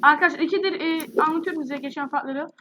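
A woman's voice: high-pitched, fairly even intonation, quick pace, noisy background. A woman with a sore, irritated throat, chatting casually to viewers as a gaming youtuber. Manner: chatty, addresses viewers directly. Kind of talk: casual gameplay commentary.

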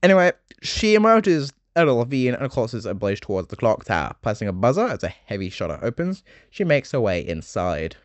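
A young man in his late teens narrating a game summary video essay, chatty and full of joking asides with dark humor. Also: mid-range voice, big pitch swings, fairly quick, few pauses, dry recording.

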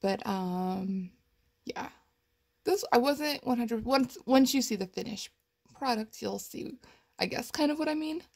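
A woman's voice: fairly high pitch, expressive, unhurried, gravelly, a little mellow. A young woman chatting casually through her cosplay progress photos, rambling and laughing, her voice cracking a little. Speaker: cosplay vlogger. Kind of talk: casual chat. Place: home, at her computer.

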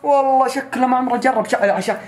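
A man giving rapid, playful, teasing commentary as he films his family. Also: very high voice. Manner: rapid, playful, teasing narration with many calls and repeats. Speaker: family vlogger filming his child. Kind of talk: excited running commentary on a family video.

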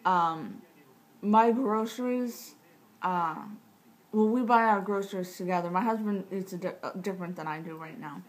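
A woman in her thirties, mid-range in pitch and talking at a normal speed, casually tells the camera her tips for recovering from surgery; her recent jaw surgery makes her speech tight-jawed, and she rambles matter-of-factly while interrupting herself. The recording is low quality, made with a camera mic about arm's length away in a small indoor living room, with clear room noise.

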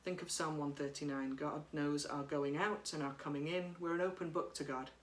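A woman priest giving a sermon at home, speaking in a gentle, reflective way while reading from notes, recorded by a camera across a room. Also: low voice, steady tone, normal speed, reverberant, slight background noise. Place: living room by a bright window.

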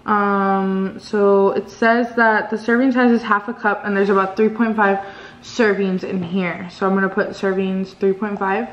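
A woman's voice: mid-range voice, flat delivery, unhurried, muffled recording. A woman chatting casually to her camera in a vlog, giggling and laughing often as she talks. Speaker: vlogger. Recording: echoey room with loud noise.

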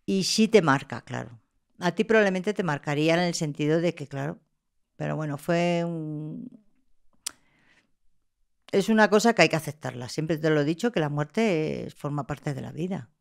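Older woman, gravelly fry, quiet, matter-of-fact, teasing, casual chat. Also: low-pitched, lively intonation, normal speed. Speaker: guest, host's mother.

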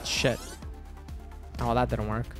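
A man's voice: mid-range voice, level tone, slow, music in the background. A man giving casual gameplay commentary, talking to himself with wry, swearing asides. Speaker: gaming video host.

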